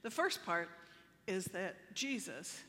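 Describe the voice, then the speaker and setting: A woman pastor delivering a sermon, with measured, emphatic phrasing. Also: medium pitch, very animated, pushed and bright, long reverb tail. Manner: measured, emphatic preaching with slow deliberate phrasing.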